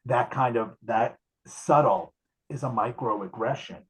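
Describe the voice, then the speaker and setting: A man's voice: medium pitch, a little slow, low-quality recording. A man speaking as a nurse educator in a conversational talk on a video call. He tells stories with frequent restarts and acts out dialogue.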